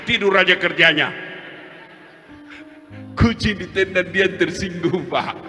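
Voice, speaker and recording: Comic preacher, male, lively storyteller who plays his characters; live hall sound with music underneath. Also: high-pitched. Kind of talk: humorous sermon.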